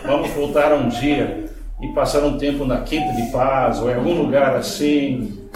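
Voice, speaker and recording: Guy preaching in portuguese w american english accent, slow and emphatic, super echoey church, noisy distant recording. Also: medium pitch. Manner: earnest, emphatic, repeats key phrases for effect. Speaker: guest preacher. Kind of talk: church sermon.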